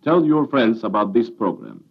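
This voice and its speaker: Low-voiced man on an old radio recording. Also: wildly swooping pitch, gravelly, husky. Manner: measured, formal announcing. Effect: old 1968 shortwave radio recording. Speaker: radio announcer. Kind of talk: formal broadcast announcement. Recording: tinny old radio broadcast with music.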